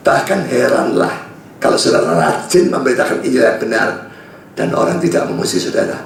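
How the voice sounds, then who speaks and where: A male pastor preaching a sermon, swinging from quiet asides to shouting. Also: medium pitch, brisk, vocal fry, a little hiss or hum. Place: church hall. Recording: echoey hall, distant mic.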